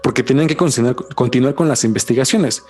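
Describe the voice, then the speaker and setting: A podcast host with a Mexican Spanish accent chats casually in a fast, mid-range, somewhat dark voice, with soft music in the background. He's full of slang, swears a lot, and says "güey" constantly.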